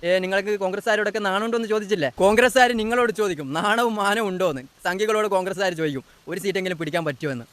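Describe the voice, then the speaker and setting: A man's voice: high-pitched, fairly bright tone, no room sound. A man hosting a reaction video, delivering mocking political commentary in a sarcastic, teasing rant. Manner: sarcastic, teasing, rapid-fire ranting.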